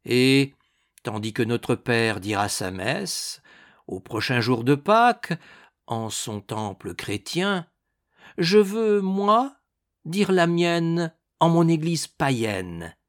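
A man's voice: medium pitch, very animated, takes it slowly, voice pushed up. A man reading an audiobook, voicing a proud, scheming young Renaissance noblewoman with a languid, grandly ambitious manner.

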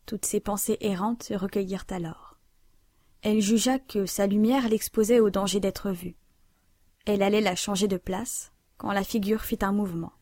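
Mellow woman reading a classic novel. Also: medium pitch, no room sound. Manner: measured, even literary reading. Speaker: audiobook narrator. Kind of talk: scripted narration of a classic novel.

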